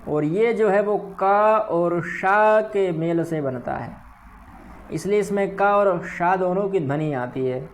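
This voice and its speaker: A man teaching Sanskrit recitation, saying verse words slowly and correcting how each sound is pronounced, often checking in with "ठीक है". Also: sits high, a little hiss or hum. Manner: slow, careful pronunciation drills. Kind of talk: recitation lesson.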